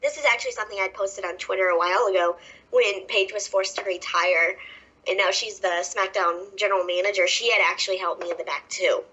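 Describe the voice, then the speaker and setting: A woman's voice: medium pitch, fairly even intonation, brisk, bright, forceful tone, slightly rough. A woman in her twenties with a Southern US accent, a wrestler talking emotionally on a casual podcast interview, laughing often. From American South. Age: 20s. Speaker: wrestler guest. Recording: dull lo-fi podcast audio.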